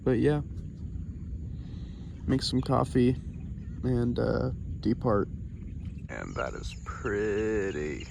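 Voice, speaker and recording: A sleep-deprived young man drawls slowly through a casual vlog on his sailboat, rambling and swearing now and then. His voice sits at an ordinary pitch. Lapping water and chirping crickets hiss through the outdoor phone recording. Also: very animated, vocal fry. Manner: tired, slow, rambling with fillers and swearing. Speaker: vlogger. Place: small sailboat anchored by an island at night, outdoors. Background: water, boat sounds and crickets.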